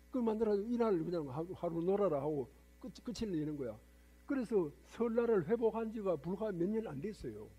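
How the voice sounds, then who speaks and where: Husky, mellow-voiced monk lecturing a congregation. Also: male voice, sits high. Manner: lecturing, rhetorical questions to congregation. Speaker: Buddhist monk preacher. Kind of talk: sermon. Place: temple hall with congregation.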